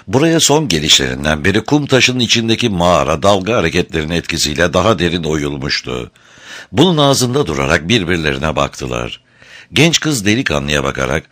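A man narrating a novel aloud in a measured, expressive storytelling manner. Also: extremely low pitch. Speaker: audiobook narrator. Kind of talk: scripted narration.

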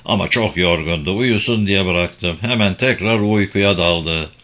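A man voicing a calm old male hermit who speaks slowly, evenly and firmly. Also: low-pitched. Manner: calm, unhurried, firm.

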